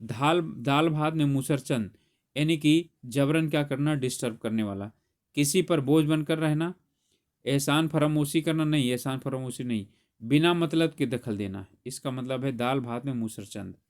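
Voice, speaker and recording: A man with a medium-pitched, darkish voice teaches grammar at a normal speed. He solves an exam paper aloud step by step, correcting himself mid-sentence as he goes.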